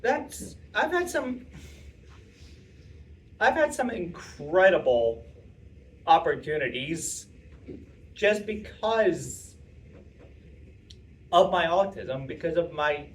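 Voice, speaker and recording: Young man, casual talk, rambling, fairly high voice, heard from a distance, faint room noise. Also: sing-song, takes it slowly, pauses often. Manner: chatty, rambling, self-interrupting with fillers. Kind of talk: casual talk answering audience questions. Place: meeting room with audience.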